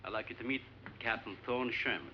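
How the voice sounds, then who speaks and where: Acting in a 1950s picture, a man portrays an aging island scientist who formally and earnestly explains things to his guests. His lowish voice is brisk and natural, set against slight background noise and a dull old soundtrack with faint music.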